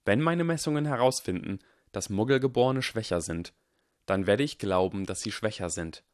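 A man reading the part of a calm, earnest young wizard who explains his reasoning in a measured, persuasive way. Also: lowish voice, no room sound, clean studio sound, natural voice. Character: calm, earnest boy wizard lecturing on science.

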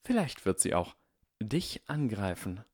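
A man's voice: fairly low pitch, very animated, a little slow, darkish tone, no echo, studio quality. A man reading aloud and voicing a proud, scheming aristocratic boy wizard who speaks in a wary, pointed way. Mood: aggrieved.

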